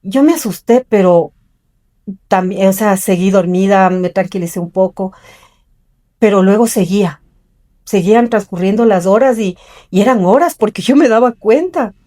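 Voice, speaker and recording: A middle-aged woman tells her own story in an interview. Her voice sits at an ordinary middle pitch, and she speaks in an earnest, personal way. She often acts out the voices of the people she remembers. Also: moderate pace, mellow.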